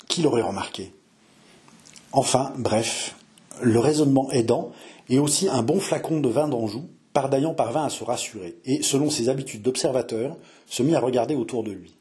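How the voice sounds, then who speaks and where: Male audiobook reader, measured steady narration, mid pitch. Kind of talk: narrating a historical novel aloud.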